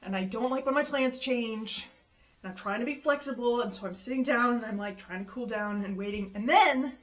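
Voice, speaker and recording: A woman casually telling a personal story, lively and exasperated, mimicking the people she quotes with big leaps in her voice. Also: brisk. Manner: animated, acts out quoted people with jumps in pitch; exasperated retelling of a travel mishap.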